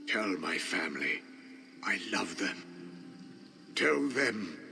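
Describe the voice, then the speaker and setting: An actor playing a weary, dying townsman in a fantasy game, speaking in halting gasps like a wounded man. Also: deep voice, sing-song, vocal fry, noisy background, heavily acted. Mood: gasping, dying relief. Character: dying townsman spirit, solemn, weary, defiant.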